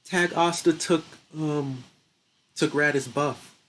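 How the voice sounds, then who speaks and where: In a fairly high, fairly bright voice with fairly even intonation, a young gaming channel host takes it slowly, chatting casually through gameplay while laughing often and thinking aloud. He has a stuffy nose and appears to be getting sick. The recording quality is low.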